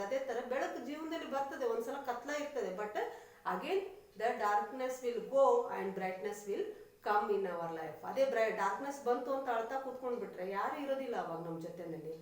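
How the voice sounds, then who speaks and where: A woman teacher, talking to children in a lesson, reading English lines and then explaining them quickly. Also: sits high, animated, very echoey. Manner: addresses children, repeats lines for emphasis. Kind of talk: classroom lesson explaining a text.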